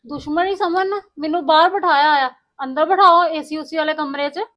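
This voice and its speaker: A woman playing a visiting married sister, haughty, complaining, very high voice, bright, family skit. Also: brisk, dull audio. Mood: sulky. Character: proud married sister visiting, quick to take offense.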